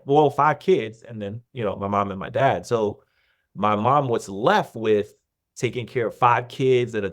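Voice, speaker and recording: A man in his thirties, from Nigeria, speaks on a podcast in a fairly low register. He tells his story in a relaxed, rambling way, with easy restarts and the odd chuckle. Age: 30s. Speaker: podcast guest, business founder. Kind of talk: casual interview storytelling.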